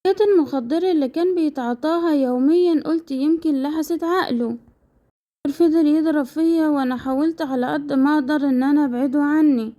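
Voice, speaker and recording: Young woman storyteller, Egyptian Arabic accent, high and mellow voice, earnest dramatic first-person narration. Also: fairly even intonation, fast, hardly any pauses.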